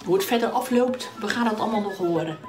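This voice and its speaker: A woman telling a Bible story to children, animated and addressing them directly. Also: medium pitch, quick pace, over music.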